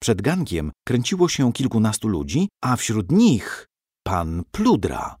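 A man reads a historical story aloud in a dramatic, expressive way. His low voice moves a lot in pitch and has a husky edge. The sound is dry and close. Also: takes it slowly, no echo. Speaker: narrator. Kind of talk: scripted narration of a historical story.

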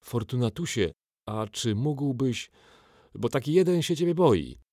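A man's voice: medium pitch, animated, a little slow, dark tone, dry recording, clean studio sound, voice pushed up. A man voicing an anxious young boy in a storybook reading, asking hesitantly for help. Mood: anxious pleading. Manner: nervous, hesitant pleading.

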